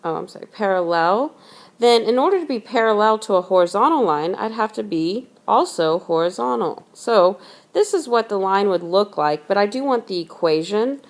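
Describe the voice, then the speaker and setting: A woman tutor explains a math lesson step by step in a steady, methodical way. She slows down and repeats the important rules so listeners can take notes. Her voice sits at an ordinary middle pitch. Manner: patient, methodical explaining, repeats key points slowly.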